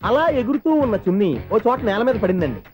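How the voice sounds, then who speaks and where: An actor playing an eager young man pitching a film story to a star, in a film comedy scene. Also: sing-song, fast, a little mellow, soft background music. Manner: eager, earnest, bursts into silly singing.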